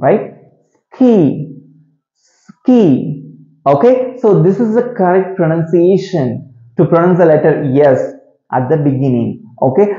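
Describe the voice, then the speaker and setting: A man leads a pronunciation lesson in a mellow, slightly raised voice, repeating each sound for his learners and checking in with "okay?" and "right?". The room is roomy and echoey, and the recording sounds dull and lo-fi. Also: a little high. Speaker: English pronunciation teacher. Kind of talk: classroom-style pronunciation lesson.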